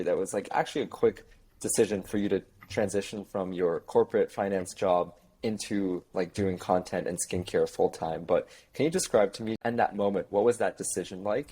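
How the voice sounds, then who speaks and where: A man with a very low, husky voice hosts a podcast interview. He speaks in a dark, mellow tone and frames his questions in a measured, encouraging way. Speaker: podcast host.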